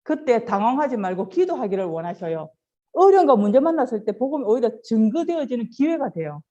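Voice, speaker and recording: A woman giving an animated children's sermon, telling stories, asking the children questions and acting out quoted lines. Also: on the high side, brisk, lo-fi sound. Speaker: children's ministry preacher.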